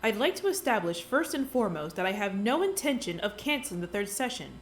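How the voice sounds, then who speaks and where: A woman playing Doctor Yonekura, a smooth ruthless boss. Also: medium pitch, big pitch swings, fairly quick, slight background noise, close to an everyday voice. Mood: coolly insistent. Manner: smooth, patronizing, insistent. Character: scheming woman doctor in charge, calmly ruthless. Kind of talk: fan audio drama acting.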